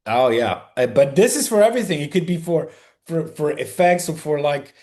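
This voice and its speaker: A man's voice: a little high, animated, moderate pace, a little mellow. A man hosting a live feedback session on a video call, talking casually with many fillers and restarts. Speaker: DJ giving track feedback.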